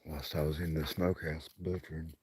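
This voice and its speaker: A man's voice: a bass voice, level tone, brisk, darkish tone. A man with an Appalachian accent and a folksy rural way of talking, chatting casually on a livestream. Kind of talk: casual fireside livestream chat. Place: outdoors at night by a fire. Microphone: handheld phone. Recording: clearly noisy outdoor phone recording.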